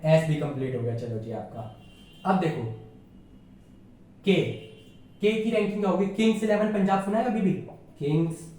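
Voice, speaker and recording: A man's voice: fairly high pitch, warm tone. A man teaching an exam-prep reasoning lesson in a casual, chatty way, often checking whether his listeners follow along. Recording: very echoey room, voice far from mic.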